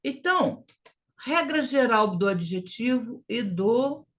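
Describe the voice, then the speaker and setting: A woman's voice: on the high side, expressive, slow. A woman with a Brazilian Portuguese accent teaching an English lesson, repeating words and modeling example phrases for her students to drill. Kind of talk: classroom lesson on grammar and pronunciation.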